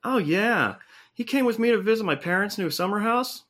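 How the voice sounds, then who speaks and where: A woman voicing a laid-back male cat in a much lower, drawling voice, full of slang. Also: animated, normal speed, a bit bright.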